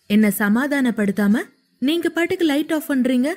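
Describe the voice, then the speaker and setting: A woman voicing a feisty, quick-tempered young woman who scolds shrilly in a romance audio story. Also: sits high, expressive, darkish tone, voice pushed up. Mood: indignant.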